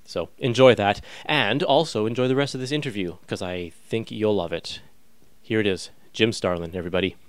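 A man's voice: fairly low pitch, fairly quick. A man in his thirties hosting a podcast in a casual, chatty style, enthusiastic and informal. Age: 30s. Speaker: podcast host.

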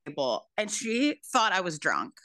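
Low-voiced chatty woman with a bright tone. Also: huge pitch swings, unhurried, no room sound, studio quality. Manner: chatty storytelling, lots of "like". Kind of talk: casual chat.

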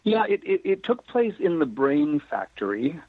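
Male actor guest, casual storyteller, lively asides, tinny phone-line audio. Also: fairly high pitch, normal speed, no echo. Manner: animated, laughing, full of asides and quoted exchanges. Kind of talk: casual interview conversation.

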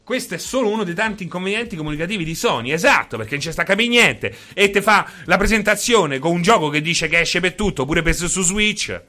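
A man rants through a casual livestream with an emphatic, repetitive delivery and plenty of swearing. His voice sits a bit high for a man and sounds bright and forceful. Faint music runs quietly underneath. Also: expressive, brisk, hardly any pauses. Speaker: streamer.

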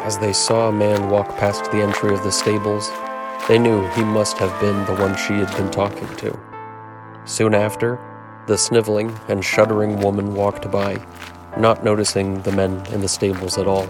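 A man narrates a fantasy adventure in a measured, descriptive way. His voice sits on the low side. Clear background music runs under the telling. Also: little pitch movement. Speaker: narrator and game master. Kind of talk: storytelling narration.

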